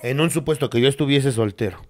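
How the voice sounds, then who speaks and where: A man's voice: medium pitch, quick pace, a little mellow. A young man with a Mexican accent co-hosting a podcast, joking crudely and animatedly. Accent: Mexican Spanish. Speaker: podcast co-host. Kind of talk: casual comedy chat.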